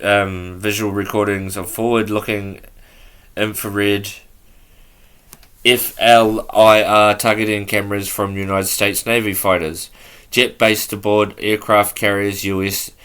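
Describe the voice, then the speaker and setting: Slow, halting man with a bright tone. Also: on the low side, smooth. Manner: halting, stumbles over words while reading; offhand and loose. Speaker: podcast host. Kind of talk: casual talk, reading aloud from notes.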